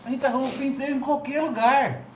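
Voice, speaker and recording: A man with a high voice jokes and banters in character during a tabletop game. The room is echoey, and noise is clearly heard behind him. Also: fairly even intonation, quick pace. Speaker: player.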